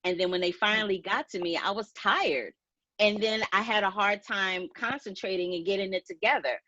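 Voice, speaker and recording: A woman's voice: medium pitch, normal speed, pushed and bright, no room sound. An actress, upset and crying as she tells of being mistreated on set, speaking on a video call. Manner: earnest, upset, voice rising with emotion. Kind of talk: emotional personal account on a video call. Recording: dull lo-fi video call audio.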